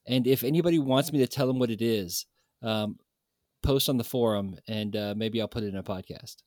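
A man co-hosting a podcast, chatting casually in an animated, joking way and telling stories. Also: medium pitch, a little fast, no echo, studio quality. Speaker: podcast co-host. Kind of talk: casual chat.

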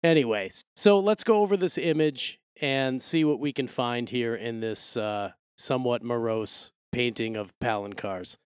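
An American man hosts a podcast in a medium-pitched, clean and resonant voice. He presents like someone narrating prepared material, and the sound is very dry. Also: measured pace, hardly any pauses, clean tone, no echo. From Milwaukee, Wisconsin, USA. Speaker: podcast host. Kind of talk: scripted podcast narration and co-host chat.

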